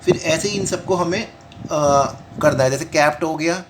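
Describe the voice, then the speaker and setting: Teaching shorthand from home, a slightly high-voiced man goes over every point slowly and again, frequently asking himself questions and then answering them. Hindi mixes with English terminology, the rules are read in English, and there's background noise.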